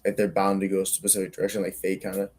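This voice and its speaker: A man's voice: deep voice, monotone, rapid-fire, darkish tone, slightly rough. A young adult man co-hosting a casual podcast, asking long, searching questions filled with "like.". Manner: searching, loose questions full of "like". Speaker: podcast co-host. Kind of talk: casual chat.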